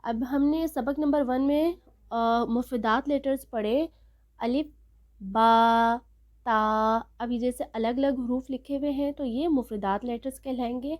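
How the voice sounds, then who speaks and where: A woman with a somewhat high voice teaches a recorded reading lesson as an online Quran teacher. She explains patiently, point by point. When she says a letter name she draws it out slowly and leans on it, so the learner can hear each sound. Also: fairly even intonation. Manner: patient, step-by-step explaining, stretching out letter names slowly and loudly.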